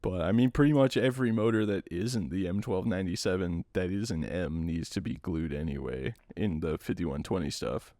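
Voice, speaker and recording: A man with a lowish voice talks casually on a podcast, wandering through details at an easy pace and poking fun at himself. The sound is close and dry, with no room around it. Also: normal speed, hardly any pauses, dry recording. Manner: relaxed, rambling explainer with dry self-mocking humor. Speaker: podcast host.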